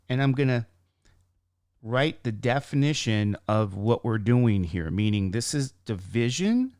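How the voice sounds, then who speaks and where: A man with a slightly squeaky voice teaching math informally, talking through each step and posing questions he then answers himself. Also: a little mellow, no room sound, studio quality. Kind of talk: informal worked-example lesson, thinking aloud.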